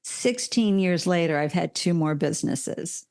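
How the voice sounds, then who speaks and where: A woman's voice: lowish voice, a little slow, vocal fry, darkish tone. A woman in her sixties, a podcast guest telling stories animatedly and acting out quoted voices. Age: 60s. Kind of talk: conversational interview.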